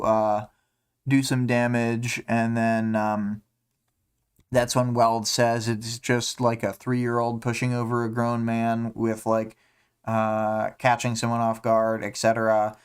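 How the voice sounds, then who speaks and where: Slow, smooth-voiced man thinking aloud. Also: mid-range voice. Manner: thinks aloud, with many fillers and restarts, hums while reading. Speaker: livestream host discussing a web serial. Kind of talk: casual livestream commentary.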